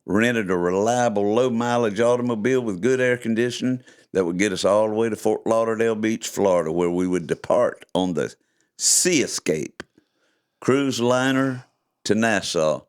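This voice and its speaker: A man's voice: on the low side, moderate pace, smooth. An older man, hosting a podcast and reading his own stories in a folksy, chuckling way. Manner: folksy, chuckling, playful delivery. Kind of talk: casual chat and storytelling read-aloud.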